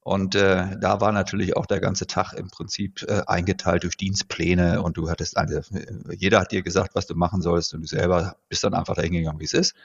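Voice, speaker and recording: A middle-aged man with a very low, gravelly voice speaks in standard High German. He explains things slowly and carefully, filling pauses with hesitation sounds. The recording sounds dull and lo-fi. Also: level tone. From born in South Africa, raised in Germany. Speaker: guest, former executive. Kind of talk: conversational podcast interview.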